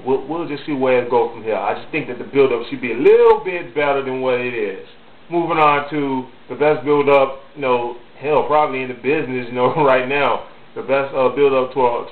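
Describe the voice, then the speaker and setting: A man's voice: mid-range voice, brisk. A man giving his opinions in a casual vlog, rambling and stuttering, filling gaps with "you know". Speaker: wrestling vlogger. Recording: echoey, phone-like lo-fi sound.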